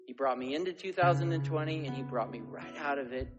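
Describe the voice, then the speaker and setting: A pastor giving a conversational sermon at a pulpit microphone in a church, often asking the congregation to agree with him. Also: male voice, on the high side, fast talker, muffled recording, over music. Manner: conversational, asks the crowd to agree. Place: church sanctuary.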